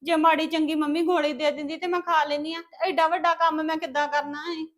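A woman's voice: sits high, little pitch movement, a little fast, natural voice. A woman playing a pleading young accused daughter. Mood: defensive. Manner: pleading, tearful.

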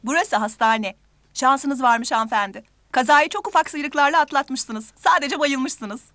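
A bright-voiced hospital nurse. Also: female voice, high voice, unhurried, no echo. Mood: polite. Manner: polite, matter-of-fact. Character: polite, brisk female hospital nurse.

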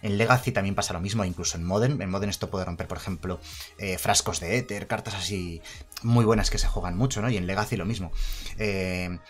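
A man talking casually through card previews, chatty and quick to correct himself. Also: sits low, soft background music. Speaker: card game youtuber. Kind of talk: casual card-review commentary.

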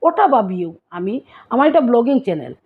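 A woman speaking with a Sylheti accent talks through a casual vlog, patiently explaining words and asking her audience if they follow. Her voice sits a little high. The sound is thin and tinny, like a phone line. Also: big pitch swings, fairly quick, slightly rough. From Sylhet, Bangladesh. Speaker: vlogger.

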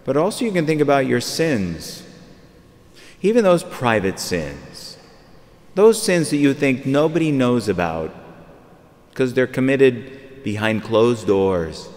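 A man's voice: medium pitch, sing-song, slow pace, long pauses, a little mellow. A man in his fifties preaching a sermon from a pulpit, talking conversationally and repeating phrases as he searches for words. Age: 50s. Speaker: priest. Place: large church, at a pulpit. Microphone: far camera. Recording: long church reverb.

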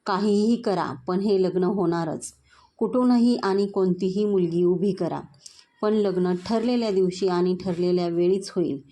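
A woman's voice: fairly low pitch, steady tone, normal speed, lightly acted. A woman voicing an angry, proud father of the groom. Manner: shouting, demanding.

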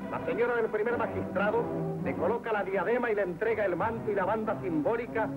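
A man's voice: high-pitched, quick pace. A man narrating a 1940s newsreel in a solemn, florid, declamatory style. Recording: tinny band-limited 1940s newsreel soundtrack. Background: orchestral music.

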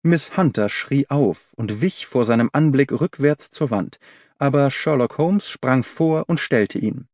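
A man reading an audiobook aloud in steady first-person narration. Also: medium pitch, a little slow, no echo, studio quality. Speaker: audiobook reader. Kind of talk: scripted narration.

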